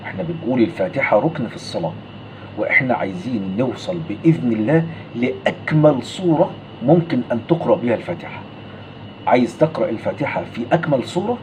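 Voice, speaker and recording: A man with an Egyptian Arabic accent giving a religious lesson on recitation. He asks the listener questions and draws out sounds slowly to contrast them. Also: mid-range voice, expressive, darkish tone, slight background noise, poor audio. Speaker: Quran recitation teacher.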